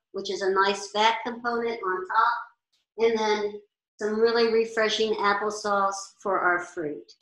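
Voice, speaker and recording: In a large indoor commercial kitchen, a woman chef in her sixties teaches meal planning in an informal cooking class, chatty and practical as she stands and gestures at boards. Her voice is mid-range and a bit bright, and the room sound is echoey.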